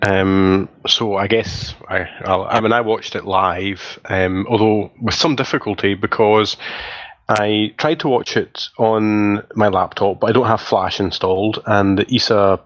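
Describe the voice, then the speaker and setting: A man's voice: on the low side, steady tone, unhurried, fairly bright tone, no echo. A man hosting a casual podcast chat, telling stories in a rambling, self-correcting way. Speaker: podcast host. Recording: slightly muffled lo-fi audio.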